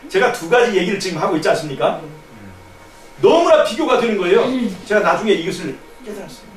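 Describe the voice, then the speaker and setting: A man preaching a sermon and telling a personal testimony in an earnest storytelling manner, his voice dropping to a hush and then rising. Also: high voice, lively intonation, fast, soft background music. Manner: earnest storytelling, swinging from hushed to raised. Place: church hall. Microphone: distant room mic on a live stream. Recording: echoey church from a distance, faint noise.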